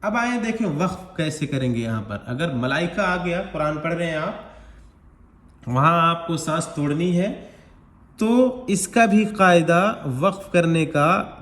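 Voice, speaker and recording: In an echoey room, a man whose voice sits on the high side and sounds a bit bright gives a slow, step-by-step recitation lesson. Speaking at a measured pace, he teaches the Quran, patiently walking through every rule and stretching out each recited word.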